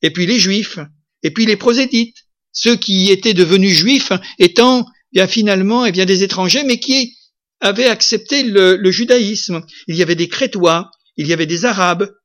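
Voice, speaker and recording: A male pastor with a somewhat high voice preaches a sermon at a moderate pace. His delivery is emphatic, climbing to loud, ringing peaks before dropping back into quieter passages.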